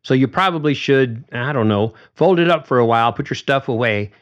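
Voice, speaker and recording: A man's voice: medium pitch, a little fast, dull audio, voice pushed up, natural voice. A man reading aloud who voices a chatty, pushy adult woman in an offhand, rambling way. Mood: breezy. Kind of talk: audiobook character voice.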